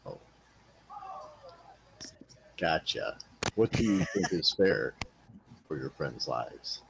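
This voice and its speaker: Guy playing a deep rumbly dragonborn, gravelly, polite and kinda halting. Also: very animated, background noise, full character voice. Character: polite male dragonborn cleric.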